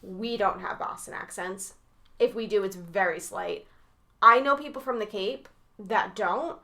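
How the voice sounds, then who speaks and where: Woman, southern Massachusetts–Rhode Island accent, bright crisp tone, chatty with fillers, casual podcast co-host. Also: medium pitch, unhurried. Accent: mixed southern Massachusetts and Rhode Island. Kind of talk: casual chat.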